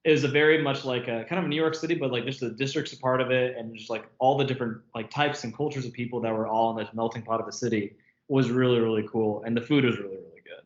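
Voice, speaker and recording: A man's voice: mid-range voice, fairly even intonation, quick pace. A man of about thirty, an interview guest in casual chat, talking with lots of filler words and frequent laughs over a remote call. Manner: chatty, laughs often, many filler words. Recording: echoey, muffled call audio.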